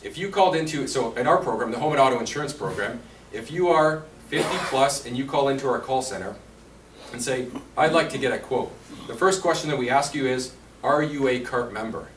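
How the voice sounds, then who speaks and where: A man's voice: medium pitch, fairly quick. Chatty man giving a talk. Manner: chatty, quizzes the audience. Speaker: insurance presenter. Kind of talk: conversational seminar talk. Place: meeting room at a seniors' residence. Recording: roomy, distant, faint hiss.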